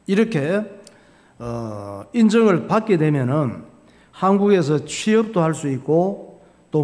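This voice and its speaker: A man's voice: a little high, darkish tone. A male pastor preaching a sermon in a folksy, storytelling way, asking questions and answering them himself. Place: church sanctuary. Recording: long hall reverb.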